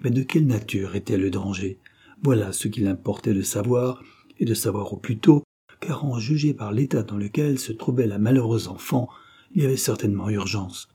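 A man reading a novel aloud in a measured, dramatic narration. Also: fairly low pitch, mellow, slightly rough. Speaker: audiobook narrator. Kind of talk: scripted narration.

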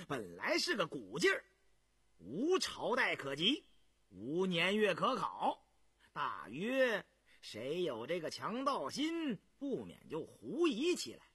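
Man putting on a brash coarse prince, loud and sneering, very high and lively, husky edge. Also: no room sound, heavily acted.

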